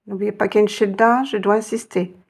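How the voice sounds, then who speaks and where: A woman's voice: mid-range voice, fairly even intonation, fast, creaky, breathy edge. A woman teaching Arabic reading, patiently encouraging her students and drawing out each sound. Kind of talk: reading lesson.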